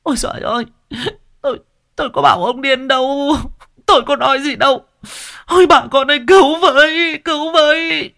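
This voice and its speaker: Man putting on a wailing wife, raised pitch, bright, lamenting, storybook audio. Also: fairly even intonation, moderate pace, creaky, exaggerated voice. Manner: wailing, crying out for help. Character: wailing middle-aged wife, beaten and desperate.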